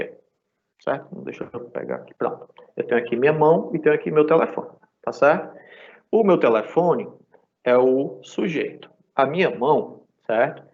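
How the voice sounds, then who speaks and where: Brazilian man teaching English online. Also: mid-range voice. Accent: Brazilian Portuguese. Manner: explanatory, checks in often with "certo?". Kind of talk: live online class. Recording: dull lo-fi sound.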